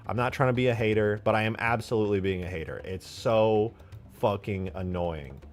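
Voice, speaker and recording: A man's voice: fairly low pitch, a little fast. Profane young man ranting on stream. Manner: profane, exasperated, swings from mutters to loud outbursts.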